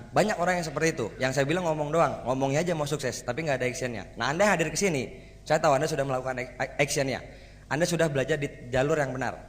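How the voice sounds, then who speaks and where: A man giving a motivational seminar talk to a live audience, energetic and rhetorical, often asking the crowd for agreement. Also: mid-range voice. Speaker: motivational speaker. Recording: hall reverb.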